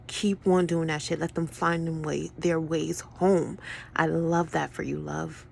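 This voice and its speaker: A woman's voice: on the low side, creaky, a little hiss or hum. A woman in a casual spoken monologue, sarcastic and profane, rambling through tangents and correcting herself mid-sentence. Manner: frequent self-corrections and tangents.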